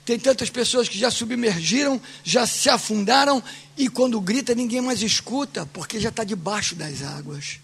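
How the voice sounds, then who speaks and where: A man preaching a fervent sermon as pastor, often shouting. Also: extremely high pitch, expressive, normal speed, gravelly, breathy edge.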